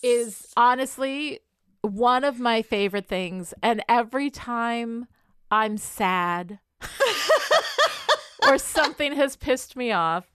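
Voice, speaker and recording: A woman's voice: on the high side, slow, fairly bright tone, smooth, no room sound. A woman co-hosting a casual chat, emphatic and agreeable, often backing up her partner. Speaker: podcast co-host.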